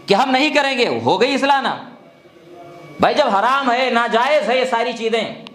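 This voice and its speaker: A man's voice: sits high, fairly bright tone, echoey room. A man preaching a sermon, exhorting his listeners with rhetorical questions.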